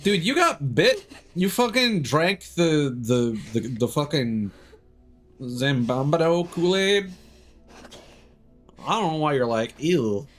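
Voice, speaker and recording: A game streamer with a mid-range voice and lively intonation talks slowly, pausing often, over video game music and sounds. The live commentary is casual and profane, dotted with sardonic, joking asides.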